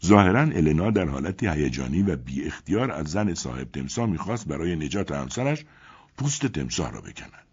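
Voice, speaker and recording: Brief: male audiobook narrator, husky low voice, animated dramatic delivery. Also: highs cut off. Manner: expressive, rising and falling storytelling. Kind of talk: dramatic story reading.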